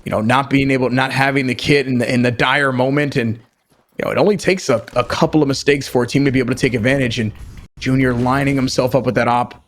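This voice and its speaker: A man giving live esports commentary and analysis as a caster, in measured, halting phrases. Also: mid-range voice, fairly even intonation.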